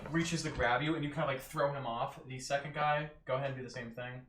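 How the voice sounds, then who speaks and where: A man narrating a tabletop game as game master in a casual, lively way. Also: medium pitch, fast talker, very noisy. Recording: echoey room, far from mic, music behind.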